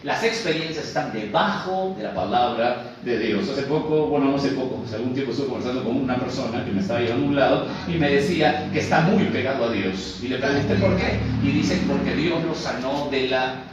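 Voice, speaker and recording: A male pastor preaching a sermon, emphatic, swinging between loud declarations and low intense asides. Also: a little fast, highs cut off. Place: church sanctuary. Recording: echoey church hall from far off, faint noise.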